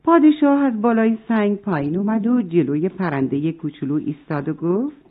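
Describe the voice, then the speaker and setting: A woman's voice: medium pitch, lively intonation. A woman narrating a story for children, speaking to them directly, on a tinny recording. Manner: warm, addresses the children.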